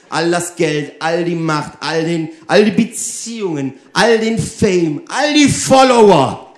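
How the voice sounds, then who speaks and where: This sermon comes from a man from Germany whose fairly high voice sounds through an echoey room. Animated throughout, he addresses the congregation directly and keeps firing off rhetorical questions.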